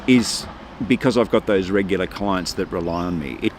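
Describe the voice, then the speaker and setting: Over noisy outdoor street sounds, an older voice artist with an Australian accent talks casually as an interview guest. He rambles and often cuts himself off mid-sentence. His voice is low-pitched, with a moderate pace.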